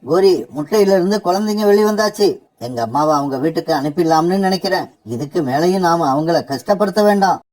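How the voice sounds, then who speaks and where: A voice actor playing a gentle father crow in a cartoon, mild and pleading. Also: medium pitch, brisk, natural voice. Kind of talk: cartoon voice acting.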